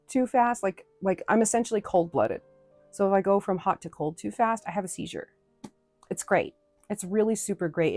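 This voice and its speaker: A woman with a lowish voice rambles chattily through a live stream, full of fillers and restarts. Her voice is close and dry, and faint music plays behind her. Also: a little mellow, no room sound. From New England. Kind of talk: casual live chat.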